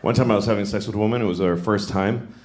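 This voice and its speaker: A man's voice: fairly low pitch, racing. Middle-aged man doing stand-up comedy. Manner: dry, self-mocking storytelling with acted-out voices. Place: live comedy venue. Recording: echoey venue with loud audience laughter.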